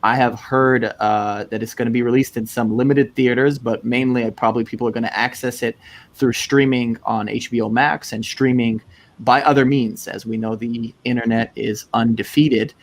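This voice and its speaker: A man hosting a casual conversation, relaxed, asking open questions. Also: mid-range voice, normal speed. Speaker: host.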